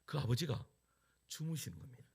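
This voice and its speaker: A middle-aged man preaching as a pastor, telling a personal story with sudden loud peaks and hushed asides. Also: medium pitch, big pitch swings, brisk, slight background noise.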